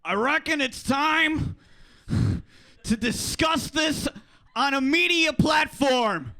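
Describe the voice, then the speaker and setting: Very high bright guy yelling a profane rant, slow and drawn out. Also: animated. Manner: ranting, shouting, profane. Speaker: stand-up comic. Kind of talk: open mic stand-up.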